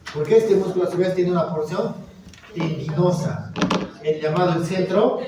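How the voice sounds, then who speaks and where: A man's voice: sits high, moderate pace, noisy background. A male anatomy lecturer teaching a class, quizzing students and encouraging them with frequent "very good.". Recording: echoey lecture hall, mic far off, students audible. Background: students murmuring and answering.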